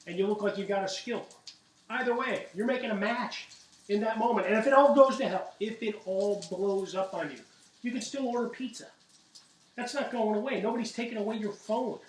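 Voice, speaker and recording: A man's voice: fairly high pitch, recorded from a distance, a little hiss or hum. A middle-aged man hosting a home cooking show, talking in a chatty, folksy way with punchy asides. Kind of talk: casual cooking demonstration. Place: home kitchen. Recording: roomy kitchen, voice off-mic.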